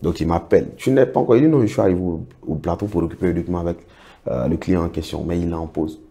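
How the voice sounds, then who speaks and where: A middle-aged project financing consultant, guesting in an informal interview, talks at a quick pace in a low, warm voice with vocal fry. He relates anecdotes, acting out the words of the people involved.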